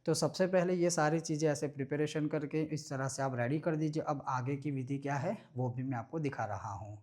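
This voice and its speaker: A man explaining a prayer-bead ritual step by step, in a measured way that repeats phrases, chanting syllables and mantras slowly. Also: fairly high pitch, a little mellow. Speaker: ritual teacher.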